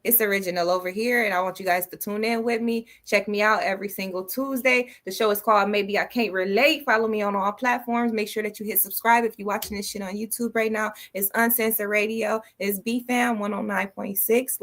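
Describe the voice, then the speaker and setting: A woman hosts a podcast in a casual, unfiltered way. She speaks in a mid-range voice, slangy and playful, and she swears freely. The chat runs loose and relaxed. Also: mid-range voice, brisk, hardly any pauses. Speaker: podcast host.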